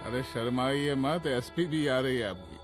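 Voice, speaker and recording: A man's voice: medium pitch, animated, normal speed, loud music behind the voice, close to an everyday voice. An actor playing a smug, menacing male chief minister villain in a Hindi film dub, speaking with a mocking, condescending rustic drawl. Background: film score.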